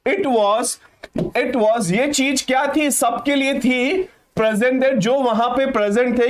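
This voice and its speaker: A man teaching an online exam-prep English lesson, reading sentences out slowly and then explaining them to students. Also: extremely high pitch.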